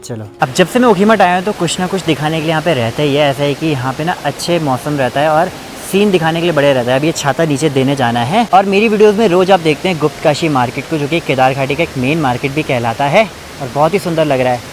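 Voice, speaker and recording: A man's voice: fairly high pitch, quick pace, few pauses, a little hiss or hum. A young man from Uttarakhand, vlogging in a casual, chatty way while walking outdoors in hill country. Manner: chatty, leaning on fillers and loose restarts.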